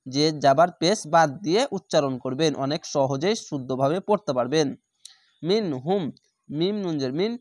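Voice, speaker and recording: A man leads a Quran reading lesson, breaking each word into letters and vowel marks and stretching the syllables out. His voice sits a little high for a man. He is recorded on a close, dry mic with no room sound. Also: no echo. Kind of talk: slow spelled-out recitation lesson.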